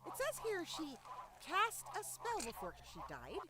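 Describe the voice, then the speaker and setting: Actress plays a smug curator, very high, unhurried, sing-song line reads. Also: female voice, huge pitch swings, exaggerated voice. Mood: explaining. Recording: audible background hiss.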